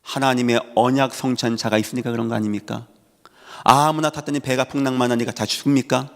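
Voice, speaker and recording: A Korean man preaching a Sunday sermon, pressing his points with emphatic, rising exhortations. His voice sits at an ordinary middle pitch for a man. The sound carries a long reverb from a large church sanctuary. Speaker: pastor.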